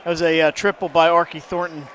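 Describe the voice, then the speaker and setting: A man calling live high school basketball play-by-play, quick and jokey, his voice jumping up on big plays. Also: level tone, background noise. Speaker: play-by-play announcer.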